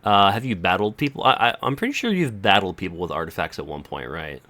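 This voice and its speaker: Low-voiced male interviewer, halting and filler-heavy questions. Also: animated, pushed and bright. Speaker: interviewer, author.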